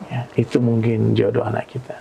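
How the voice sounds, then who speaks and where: A man's voice: fairly low pitch, monotone, a little fast, creaky, warm tone, dull audio, slight background noise. A man voicing a middle-aged woman, the cleric's wife, speaking eagerly and confidingly.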